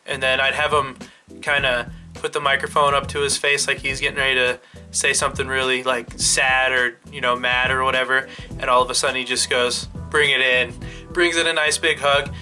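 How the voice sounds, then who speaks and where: A man's voice: medium pitch, little pitch movement, a little fast, sharp tone, faint music behind. A man hosting his own channel, chatting loosely through a wrestling storyline idea, full of "you know" and "like". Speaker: wrestling fan channel host. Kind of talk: casual fantasy-booking monologue.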